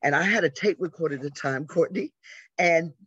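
A woman in her sixties from the American South tells her life story as an interview guest. She is an animated storyteller who acts out the voices of the people she quotes. The sound is dry and close, with a slightly dull, lo-fi quality. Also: low voice, brisk, husky, no echo. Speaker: interview guest, arts educator. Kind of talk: conversational storytelling.

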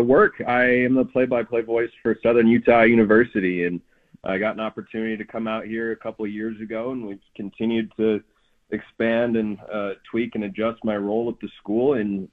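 A man, a play-by-play sports announcer, chatting as a guest on a radio show, calling in over a satellite phone-style line. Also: lowish voice. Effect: remote call over a satellite phone-style line. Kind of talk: casual radio interview. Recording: tinny narrow phone line.

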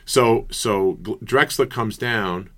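A middle-aged man with a deep, low voice spins animated stories as an interview guest. He keeps them casual and rambling, and he acts out the quotes loudly. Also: slow pace. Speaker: guest, former college basketball player. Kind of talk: storytelling interview chat.

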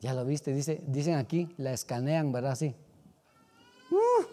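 A man preaching a sermon as pastor, swinging from loud exclamations to quiet asides. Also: mid-range voice, wildly swooping pitch, unhurried, long reverb tail.

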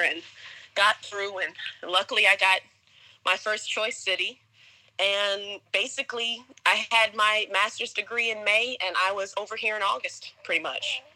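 A young American woman from suburban Atlanta, Georgia, an English teacher, chats casually as a podcast guest in an interview. Her mid-range voice is bright and forceful, and the recording quality is low.

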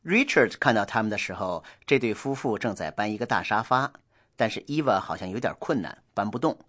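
A man hosting a scripted radio English lesson, explaining in a measured, steady way. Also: on the low side. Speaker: language lesson host.

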